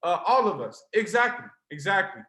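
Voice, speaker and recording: A young adult man, a trading mentor, gives an earnest, passionate motivational sales pitch to a live online call, speaking straight to his listeners. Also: big pitch swings, normal speed, bright, forceful tone. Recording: roomy echo.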